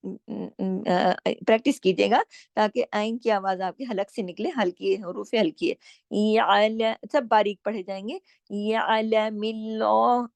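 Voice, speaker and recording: A woman gives a patient Tajweed lesson, asking herself questions and answering them step by step. Her voice sits fairly high, and it is recorded close and dry with no room sound. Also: darkish tone, no room sound. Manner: patient, explains each rule step by step with repeated questions and answers. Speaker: Quran recitation teacher. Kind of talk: Tajweed lesson, explaining and reciting slowly.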